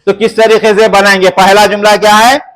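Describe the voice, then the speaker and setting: A high-pitched man teaches an Urdu class. He talks slowly and deliberately, asking his students questions and repeating them. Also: level tone, fairly bright tone, poor audio. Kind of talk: classroom revision lesson.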